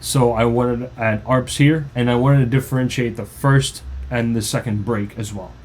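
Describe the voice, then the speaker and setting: A male music producer with a steady, slightly mellow mid-range voice at a moderate pace gives an informal, loose walkthrough of his own song. He restarts as he explains, and the audio carries a little hiss or hum plus faint background music.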